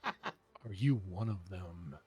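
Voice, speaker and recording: A man in an improvised courtroom role-play, putting deliberate, formal, pointed questions. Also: low-pitched, expressive, a little mellow, breathy edge, lo-fi sound.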